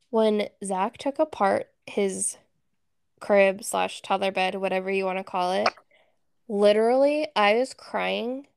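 A woman's voice: medium pitch, creaky, smooth, dry recording, clean studio sound. A young woman co-hosting a podcast, telling an emotional family story in a chatty way with frequent laughter. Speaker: podcast co-host. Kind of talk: casual chat.

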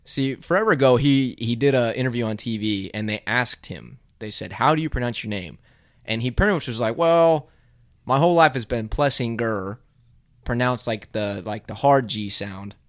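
A man's voice: mid-range voice, animated, brisk. Guy co-hosting a moto podcast, casual and chatty, jokes at his own expense. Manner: chatty, self-deprecating, laughs easily. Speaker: podcast co-host. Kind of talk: casual chat about motocross.

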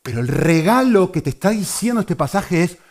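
A man from Argentina with an Argentine Spanish accent, preaching a sermon in an animated way and asking his listeners questions. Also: high voice, brisk. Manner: animated, asks the audience questions.

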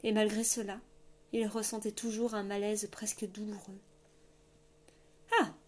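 A woman narrating a fantasy novel in a steady, measured storytelling voice. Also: medium pitch. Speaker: audiobook narrator. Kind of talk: scripted narration.

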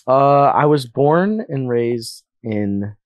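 A man's voice: mid-range voice, animated, drawn-out words, no room sound. A young man from Las Vegas, telling stories as a guest musician in a casual interview, with a rambling, filler-heavy way of talking. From Las Vegas, USA. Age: young adult.

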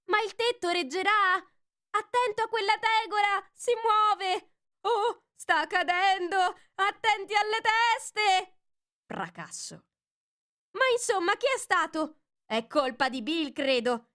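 A woman voicing a crowd of fussy little animals shouting orders at each other in a flustered way. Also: very high-pitched, voice pushed up, heavily acted.

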